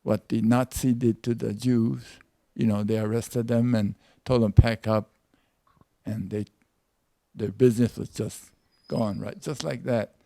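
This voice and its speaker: Slow, gravelly older man from Peru. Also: medium pitch, fairly even intonation, mellow, dry recording. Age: 80s. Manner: slow, deliberate recollection with repeated words. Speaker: interviewee. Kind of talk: oral history interview.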